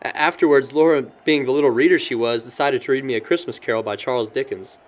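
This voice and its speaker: In an audio drama, a young adult man with an American accent plays a cheerful, sentimental guy who is worried about his sister. He speaks fast at a medium pitch in a lightly acted, fond and nostalgic tone, chuckling often as an animated storyteller.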